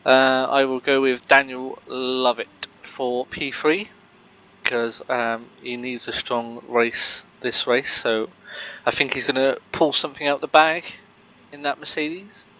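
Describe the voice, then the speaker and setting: A man's voice: medium pitch, fairly even intonation, slow, pushed and bright, low-quality recording. A man commentating a sim race live, rambling with lots of fillers and joking banter with his co-host.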